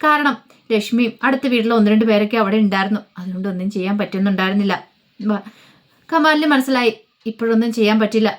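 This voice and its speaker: Woman storyteller, quick casual recap voice, filler-heavy. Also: medium pitch. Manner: chatty, hurried, many fillers. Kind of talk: casual retelling of a serial story.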